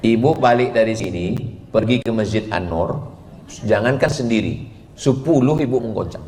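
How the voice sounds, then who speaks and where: A man preaching a lively sermon, joking with the audience and chanting verses. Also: lowish voice, normal speed. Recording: echoey hall, faint background noise.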